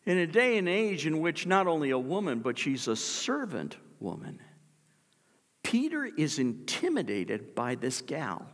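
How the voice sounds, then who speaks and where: A man's voice: a little high, wildly swooping pitch, a little slow, long reverb tail. A male pastor preaching a sermon, explaining the text and asking rhetorical questions of the congregation.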